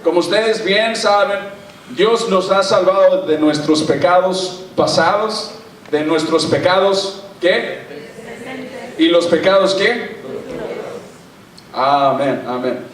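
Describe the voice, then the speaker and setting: A lively male pastor preaches a sermon full of joking stories and keeps pulling the congregation in. His somewhat high voice rings through an echoey church hall, caught from a distance. A faint hum of the room sits behind him. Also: takes it slowly, pauses often.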